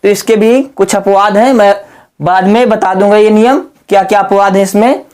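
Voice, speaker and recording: A man teaching English grammar in a classroom style. He often puts questions to the listener and answers them himself, spells words out slowly letter by letter, and drops low and quiet when he gives the answer. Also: fairly even intonation, clear, resonant tone.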